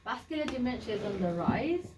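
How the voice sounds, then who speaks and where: Heard from afar in an echoey community meeting room with background noise, this woman speaks briskly and very animatedly in a slightly high voice. Originally from Bangladesh with Sylheti as her first language, she addresses a community group informally, keeping explanations simple and using lots of fillers and restarts.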